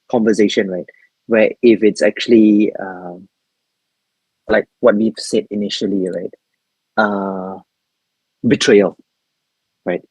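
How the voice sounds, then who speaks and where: Hesitant man, husky, low. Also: darkish tone, no echo. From Malaysia. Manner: hesitant, many fillers and restarts. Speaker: podcast co-host. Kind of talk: casual podcast discussion. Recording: muffled lo-fi podcast audio.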